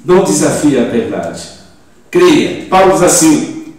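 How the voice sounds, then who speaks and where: A Brazilian-accented pastor in his seventies delivers a sermon, jumping from quiet asides to sudden loud emphatic peaks and firing rhetorical questions at the congregation. His voice sits a little high for a man. He is heard from some way off the mic in a hall with heavy echo. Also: very animated, a little slow. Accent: Brazilian Portuguese. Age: 70s. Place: church in Portugal. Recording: very echoey church hall, mic at a distance.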